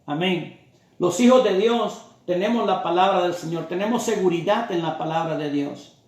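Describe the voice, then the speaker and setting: A man's voice: high-pitched, moderate pace, darkish tone. A man preaching a sermon with an emphatic, repetitive cadence. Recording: very echoey room.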